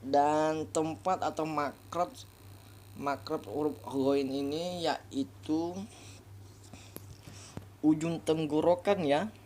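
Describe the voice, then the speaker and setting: Male reading tutor, unhurried, repeats each sound, slight background noise. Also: a little high, steady tone, darkish tone. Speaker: Quran reading teacher. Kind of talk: slow step-by-step recitation lesson.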